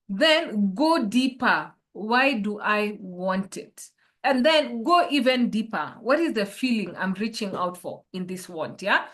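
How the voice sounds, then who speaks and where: Over a video call, a life coach whose medium-pitched voice is a bit bright guides an online workshop. She puts reflective questions to those listening.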